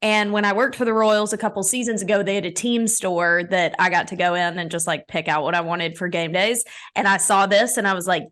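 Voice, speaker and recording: A woman's voice: mid-range voice, a little fast, hardly any pauses, fairly bright tone. A young woman from Alabama hosting a casual sports show in a chatty, playful, teasing way.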